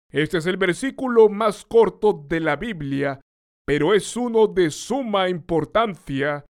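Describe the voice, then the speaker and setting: A man preaching a sermon, explaining a scripture passage in a deliberate, explanatory way. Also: sits high.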